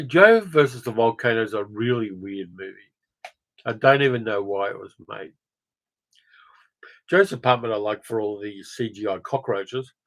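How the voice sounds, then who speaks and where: A man hosting a film channel livestream, reading out viewer comments and answering them in a loose, rambling way. He fills the gaps with ums and uhs, and his voice sits at an ordinary middle pitch. It sounds like a relaxed home stream. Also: poor audio. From Australia. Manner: rambling, conversational, frequent fillers.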